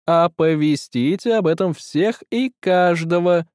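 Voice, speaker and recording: A man doing a boastful strolling player from a storybook, crying out a show to a village square. The voice is a shrill, piping falsetto with squeals, pitched well above his own and stretched out slowly. It is mock-grand and pompous. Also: a little mellow, no echo, clean studio sound, close to an everyday voice.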